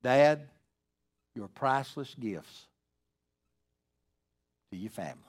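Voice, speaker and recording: An older man preaching a sermon as pastor, swinging between loud, emphatic lines and quiet, hushed ones. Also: medium pitch, lively intonation, slow.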